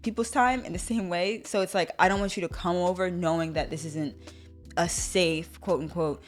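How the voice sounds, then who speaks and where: A woman's voice: lowish voice, normal speed, soft background music. A young adult woman co-hosting a podcast, chatting casually and animatedly, with plenty of fillers. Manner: animated, laughs often, many fillers. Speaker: podcast co-host. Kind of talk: casual chat.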